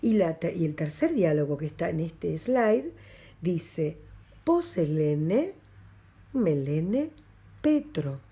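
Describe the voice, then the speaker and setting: Slow patient Argentine woman teaching Greek. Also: on the low side, very animated, dark tone, breathy edge. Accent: Argentine Spanish. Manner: patient, repeats phrases slowly for students. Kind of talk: recorded language lesson.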